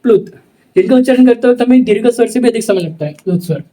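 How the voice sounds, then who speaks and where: A young man teaching a class speaks in a high voice that sounds dark and mellow. He dictates notes slowly, repeating each phrase word by word. His voice comes from a little way off the mic. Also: recorded from a distance, rough recording.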